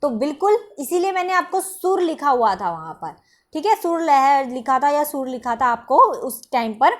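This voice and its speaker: High-pitched female teacher giving a step-by-step exam-prep lecture, checks in with "ठीक है?" after each point. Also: big pitch swings, normal speed. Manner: explains step by step, asks and answers her own questions, says "ठीक है?" often.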